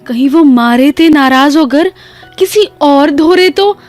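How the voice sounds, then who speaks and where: A woman's voice: high-pitched, slow, a little mellow, no room sound, soft background music. A woman voicing a naive, anxious young village wife with a Haryanvi accent, asking worried questions.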